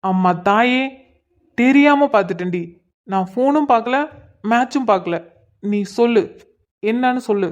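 A woman's voice: on the high side, moderate pace, long pauses, highs cut off, natural voice. A woman voicing an exasperated young college man in a cartoon, pleading and groaning as his girlfriend nags him. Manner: pleading, put-upon groaning. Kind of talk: cartoon voice acting.

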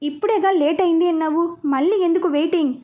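A woman's voice: very high-pitched, fast, dark tone. A woman voicing a curt, impatient young man in a storybook reading.

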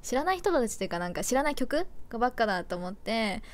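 A woman's voice: fairly high pitch, big pitch swings, quick pace. A young woman idol chatting casually on a livestream, rambling and giggly and correcting herself as she goes.

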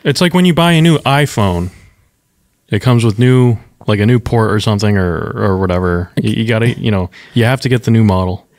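A young man co-hosting a tech podcast who answers in a relaxed, easygoing way. His voice sits on the low side. The sound is close and dry. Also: a little fast, no echo. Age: young adult. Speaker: podcast co-host. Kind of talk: casual tech chat.

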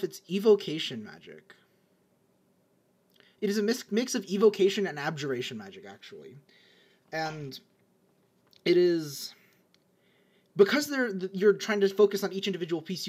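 A husky, slightly high-pitched young man running a tabletop game online. He narrates magic and rulings in a loose, stumbling way, often backing up to restart his sentences. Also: sing-song, moderate pace, long pauses, a little mellow. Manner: rambling, stumbling descriptions with many restarts. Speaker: game master.

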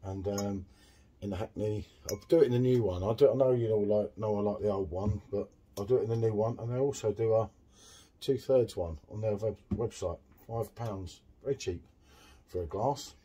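Excitable guy reviewing beer at his home bar, low and kinda husky. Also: normal speed. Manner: chatty, excitable, lots of tag questions. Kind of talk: casual beer tasting chat.

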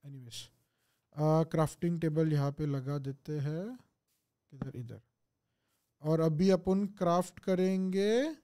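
A young man streams a game in relaxed fashion, thinking out loud and responding to viewer comments with bits of English mixed in. His slightly high voice is warm and smooth, slow-paced with long pauses.

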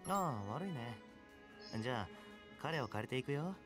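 A man voicing a suave young top-ranked gamer in a Japanese anime game, speaking with smooth, courteous confidence and quiet menace. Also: medium pitch, animated, over music, close to an everyday voice. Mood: coolly menacing. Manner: smooth, courteous, unhurried phrasing with cool confidence.

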